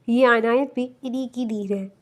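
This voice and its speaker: A woman's voice: a little high, fairly even intonation, natural voice. Stubborn, mocking young man, read by a woman in a romance audiobook. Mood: teasing.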